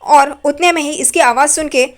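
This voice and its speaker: A woman's voice: sits high, a little fast. A woman casually retelling a TV serial episode in a chatty, loose storytelling manner. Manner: chatty, loose storytelling with repeated "here" fillers. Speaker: serial recap narrator.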